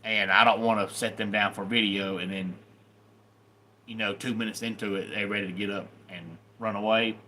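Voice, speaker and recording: Here the same kind of host, a man from the Southern US, chats casually on his YouTube live stream at a moderate pace, his fairly low voice pushed and bright with fairly even intonation. There's a slight hiss or hum, and his folksy, welcoming manner shows as he greets viewers by name.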